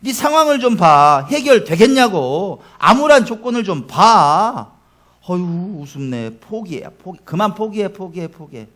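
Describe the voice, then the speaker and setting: A man's voice: high voice, sing-song, a little slow, few pauses, fairly bright tone, exaggerated voice. A male pastor voicing a sneering, scornful voice of discouragement that taunts and belittles the listener. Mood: mocking.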